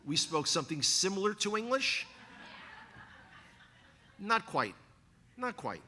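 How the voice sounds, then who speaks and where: Some slight background noise accompanies a former tour guide from the Bronx, New York, as he speaks slowly in a high voice. He is the guest speaker in a church hall, using a handheld mic for a sermon-style talk full of animated, joking asides to the congregation.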